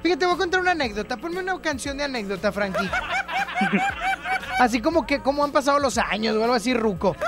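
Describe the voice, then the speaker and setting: A man's voice: very high-pitched, huge pitch swings, fairly quick. A man with a Mexican accent hosting a radio show, chatting in a playful, teasing way and repeating lines for laughs. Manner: playful, teasing, repeats himself for comic effect. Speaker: radio host. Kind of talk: casual radio chat. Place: radio studio. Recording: music playing clearly behind.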